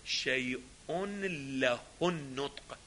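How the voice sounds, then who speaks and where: A man's voice: mid-range voice, drawn-out words, sharp tone, a little hiss or hum. A man giving a lecture on a philosophy text, often asking rhetorical questions and answering them himself. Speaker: religious scholar teaching a text.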